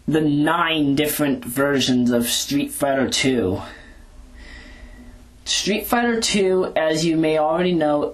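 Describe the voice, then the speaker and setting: On a low-quality recording, a video blogger records an informal audio log with a mid-range voice. The handheld recorder shifts back and forth while the speaker rambles, hesitates, and corrects themselves.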